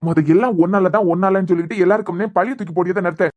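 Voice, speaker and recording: Woman doing a fast-talking firm young policeman. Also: on the low side, steady tone, a little mellow, muffled recording, close to an everyday voice. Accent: Kanyakumari Tamil. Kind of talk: cartoon serial voice acting.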